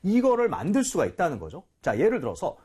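A man's voice: sits high, wildly swooping pitch, quick pace, warm tone, breathy edge. A man teaching English, quizzing a student and patiently explaining grammar.

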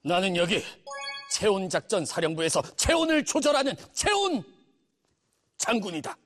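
A man's voice: high-pitched, big pitch swings, normal speed, fairly bright tone, exaggerated voice. A man playing a stern, pompous general in a children's educational cartoon, speaking in old-fashioned commands. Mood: commanding. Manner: pompous, archaic commanding speech.

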